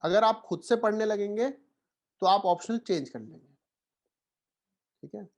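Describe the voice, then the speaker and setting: Indian male tutor, slightly high voice, code-switching Hindi-English, reassuring online lecture delivery. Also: lively intonation, unhurried, a little mellow. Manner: Hindi-English code-switching, frequent "theek hai" check-ins; encouraging, reassuring students. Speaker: teacher.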